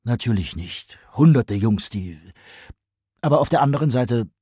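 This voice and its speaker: A man voicing a friendly, matter-of-fact grown visitor in a storybook reading, in a slightly husky voice with no room sound. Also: mid-range voice, expressive, moderate pace, dark tone, dry recording, studio quality, pitched above the performer's own voice.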